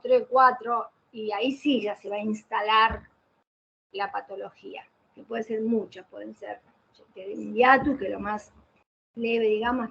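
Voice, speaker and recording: A voice-care specialist teaches an online lecture, asking rhetorical questions and supplying the answers. Her fairly high voice has vocal fry, a fairly bright tone and a slight roughness. She uses a computer microphone on a video call, so the audio is muffled with faint hiss.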